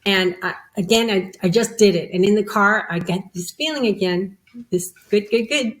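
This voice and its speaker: A woman telling a personal story as a podcast guest. She is animated and self-mocking, and she acts out the voices of the people she quotes. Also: mid-range voice, normal speed, poor audio.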